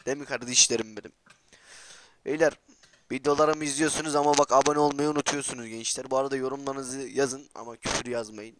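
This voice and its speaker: Excitable trash-talking man gaming. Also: medium pitch, a little hiss or hum. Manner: repeats words in rapid bursts. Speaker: gaming channel host. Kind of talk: live gameplay commentary.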